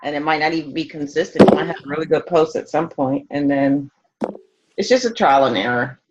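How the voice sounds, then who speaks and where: A woman joins a team call and keeps her remarks brief and agreeable. Her voice is very low for a woman. The call audio is muffled and lo-fi. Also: brisk, darkish tone, a little hiss or hum. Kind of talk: casual team call chat.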